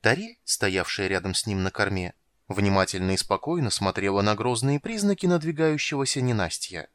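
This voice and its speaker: A man narrating a fantasy adventure story in an expressive storytelling manner. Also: on the low side, fairly quick, no room sound. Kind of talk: scripted narration.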